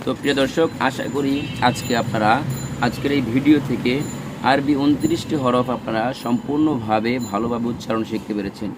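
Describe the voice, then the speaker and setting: A man teaching Arabic letter pronunciation in a slow lesson, saying each letter sound and repeating it for practice. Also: medium pitch, noisy background.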